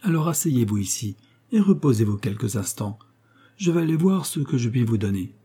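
Man voicing prim old maid aunt, dark husky tone, raised pitch, strict storybook manner. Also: very animated, moderate pace. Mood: stern, probing.

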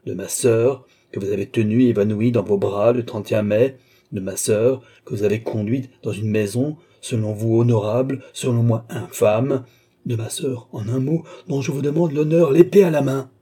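A man's voice: mid-range voice, fairly even intonation, moderate pace, warm tone, husky, close to an everyday voice. A man voicing a hot-headed young nobleman who speaks in indignant, clipped bursts. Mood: furious.

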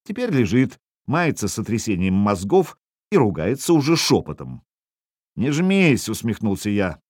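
A man narrates a first-person audiobook with a wry, expressive edge. His voice sits on the low side yet moves through a wide, animated range. The recording is dry and close. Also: moderate pace, dry recording.

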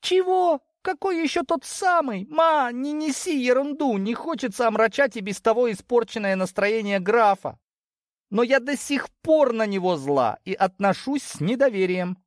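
A man voicing a fed-up, sharp-tongued young female sheep who snaps and gets exasperated. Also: very high-pitched, animated, moderate pace, no echo, studio quality, voice pushed up. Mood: irritated. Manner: exasperated, snapping.

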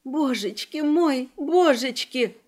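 A woman's voice: sits high, expressive, takes it slowly, darkish tone, voice pushed up. A woman reading voicing a frightened, weeping young woman who pleads and sobs. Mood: sobbing. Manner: sobbing, pleading, breathless fear.

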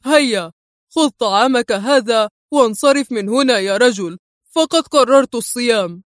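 A woman's voice: a little high, normal speed, no echo, close to an everyday voice. A proud male prisoner answers with stern scorn, voiced by a woman narrating a novel. His lines come across as defiant. The sound is dry and close. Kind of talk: audiobook character reading.

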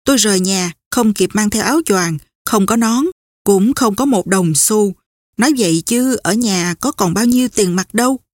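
A woman reading a brash young man on the run who talks fast and swears often, in an audiobook. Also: medium pitch, no room sound, clean studio sound, close to an everyday voice. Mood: hurried. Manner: rough, swearing, hurried.

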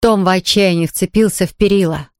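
A woman narrating a children's story aloud in a lively, expressive reading. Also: mid-range voice, brisk, smooth, dry recording, clean studio sound. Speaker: audiobook reader.

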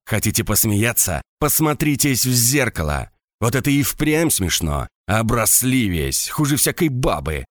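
A man voicing a hoarse, bullying drill sergeant who barks crude insults and commands at his soldiers in an audiobook. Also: medium pitch, very animated, measured pace, hardly any pauses, dry recording, clean studio sound. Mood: barking, scolding. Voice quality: hoarse barking shouts.

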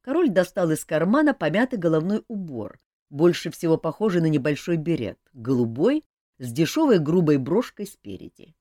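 A woman narrating a fantasy audiobook with lively, expressive storytelling. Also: low-pitched, moderate pace, dry recording, studio quality.

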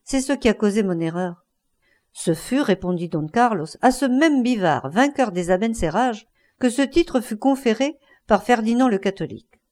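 A woman's voice: on the high side, expressive, moderate pace, darkish tone. A woman narrating a classic French novella as an audiobook reader, reading the characters' lines without much change of voice.

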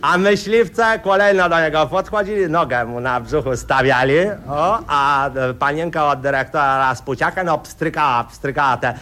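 High-voiced folksy man telling a yarn. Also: moderate pace, hardly any pauses, bright, forceful tone, slight background noise. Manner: folksy, rambling, full of dialect fillers. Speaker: comic storyteller. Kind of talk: satirical radio monologue.

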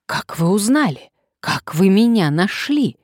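A woman's voice: low voice, sing-song, takes it slowly, mellow, dry recording, studio quality, full character voice. A woman reading an audiobook, voicing a timid middle-aged man who whines and stammers nervously. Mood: nervous whining. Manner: whining, stammering.

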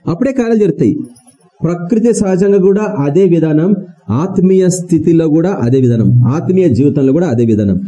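Male preacher, deep mellow tone with a slightly raised pitch. Colloquial sermon that drills its points through repeated questions. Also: fairly quick, highs cut off. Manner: rhetorical questions to the congregation; repeats key words for emphasis.

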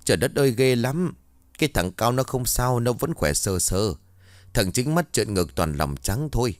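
A man's voice: medium pitch, animated, moderate pace, dry recording, close to an everyday voice. A man voicing a panicked old village woman, crying out in alarm in a ghost story reading. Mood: frantic. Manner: frantic, shouting alarm.

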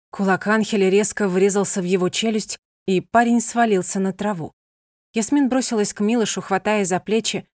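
A woman narrating a novel in an even, measured storytelling manner. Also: mid-range voice, dry recording, studio quality. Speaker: audiobook narrator.

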